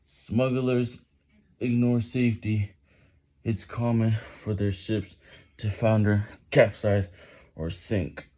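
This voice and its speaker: A man reading a written text aloud haltingly and with effort while doing push-ups, with some background noise. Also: lowish voice, flat delivery, mellow. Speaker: reader.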